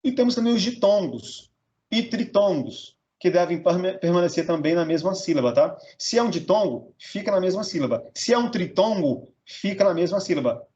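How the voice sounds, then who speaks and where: A man's voice: sits high, lively intonation, moderate pace, mellow, lo-fi sound. A Brazilian man teaching a grammar lesson, sounding out words syllable by syllable and checking in with "tá?" and "beleza?". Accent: Brazilian Portuguese.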